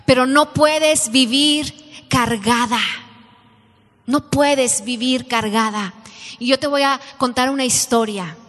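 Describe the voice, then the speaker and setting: A woman's voice: high voice, slow pace, a bit bright. A middle-aged woman preaching a sermon to women, telling stories and asking the audience questions. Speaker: women's ministry speaker. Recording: long reverb of a large hall.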